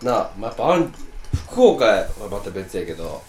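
A man with a strong Osaka Kansai accent trades blunt stories in a casual radio-style chat. His pitch rises and falls freely. The recording sounds roomy, with a faint hiss underneath. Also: very animated, fairly quick, a little mellow. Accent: Osaka Kansai dialect. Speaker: co-host.

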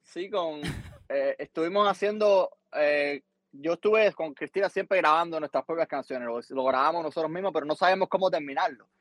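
Cuban guy, middle-aged, chatty storyteller on a podcast, a bit high voice, dry close mic. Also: moderate pace, dry recording. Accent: Cuban Spanish. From Cuba. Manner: animated, repeats words, acts out quotes. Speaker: guest musician.

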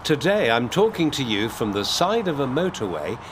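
A man hosts and narrates a scripted on-location audio report, speaking theatrically and directly to the listener. His voice is medium-pitched and sing-song at a normal speed, with background noise behind him.

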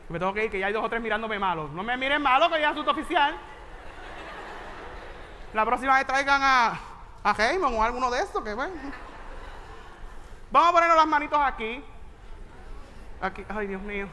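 A man with a Puerto Rican accent, a voice teacher giving a humorous motivational talk to teachers, animated and joking with sudden loud exclamations. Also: very high voice, a little fast, pauses often, slight background noise. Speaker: voice teacher and keynote speaker. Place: large venue with a big audience of teachers.

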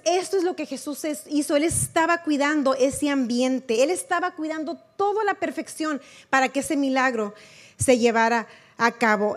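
Female preacher, high-pitched, earnest and chatty, repeats for emphasis. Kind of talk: testimony sermon.

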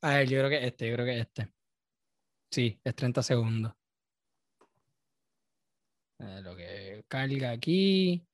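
A man's voice: mid-range voice, lively intonation, slow, long pauses, dry recording. A man with a Puerto Rican Spanish accent hosting a casual podcast, reacting loosely and profanely and laughing often. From Puerto Rico. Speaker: podcast host.

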